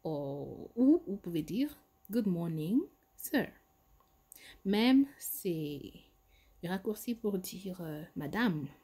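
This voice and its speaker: A woman giving an English lesson, modelling phrases slowly and carefully. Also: on the low side, lively intonation, warm tone, slightly rough. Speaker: English teacher. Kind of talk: language lesson.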